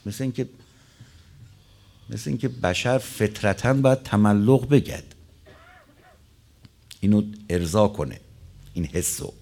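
Low-voiced preacher giving a sermon. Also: male voice, mellow. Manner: storytelling with Arabic quotations, voice rising and dropping. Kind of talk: religious sermon.

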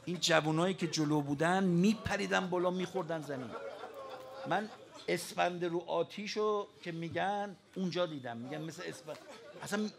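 A man preaching a mourning sermon to a crowd, impassioned, moving between shouting and hushed speech. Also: on the high side, creaky. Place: mosque hall with a mourning crowd. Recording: crowd noise behind the voice.

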